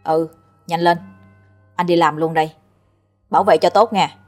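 A woman reading the lines of a caring older brother in her own voice, brisk and reassuring. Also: on the low side, fairly even intonation, soft background music, lightly acted.

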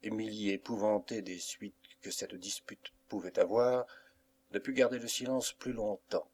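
Low-voiced male audiobook narrator. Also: fairly even intonation, normal speed, darkish tone. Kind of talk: classic novel narration.

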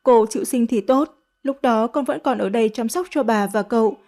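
A woman's voice: a little high, moderate pace, darkish tone, close to an everyday voice. A woman voicing a fawning teenage servant girl who sweet-talks in a coaxing, sugary way. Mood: pleading.

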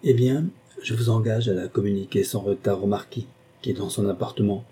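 A man reading an audiobook, voicing a scheming woman who gives hushed, calculating instructions. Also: lowish voice, fairly quick, husky.

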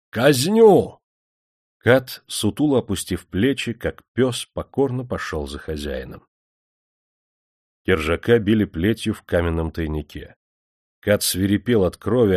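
Brief: male narrator, very low voice, dry close sound, grave and measured. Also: a little mellow, no echo. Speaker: audiobook narrator. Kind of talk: dramatic storytelling narration.

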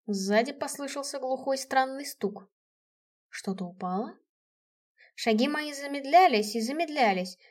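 A woman reads a first-person novel aloud in a steady, expressive way. Her voice sits somewhat high for a woman. The reading is measured and even. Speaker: audiobook narrator.

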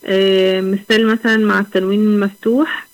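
Over a rough recording, a young Egyptian-accented woman gives a Quran recitation class online in a medium-pitched, level voice. Patient throughout, she answers her own questions and draws each example word out slowly.

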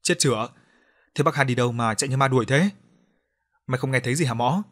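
A man's voice: mid-range voice, quick pace, a bit bright, natural voice. A man voicing a frightened older villager who urgently tells others about a death.

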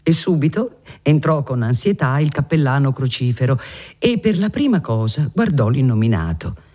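A man narrating a classic novel in a measured, expressive reading. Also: medium pitch. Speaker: audiobook reader.

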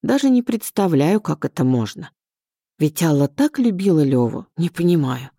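A woman reading an audiobook, voicing a kindly elderly aunt who speaks softly and fondly. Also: low voice, big pitch swings, normal speed, breathy edge, dry recording, studio quality, full character voice. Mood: tender. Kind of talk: audiobook character voice.

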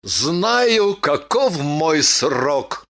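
A woman's voice: deep voice, very animated, very slow, a bit bright, exaggerated voice. Woman voicing a gloomy young warrior. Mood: sullen. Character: bitter young warrior man, gloomy and confused.

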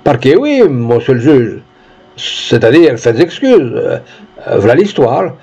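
A man's voice: mid-range voice, big pitch swings, slow, mellow, slightly rough, muffled recording, full character voice. A man voicing an old peasant woman in court, flustered and rustic in speech.

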